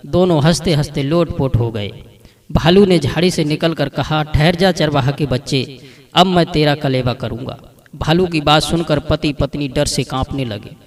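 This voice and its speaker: A man narrates a folk story in a plain, steady storyteller's manner. His voice sits a bit high for a man. He sounds set back from the microphone. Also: recorded from a distance.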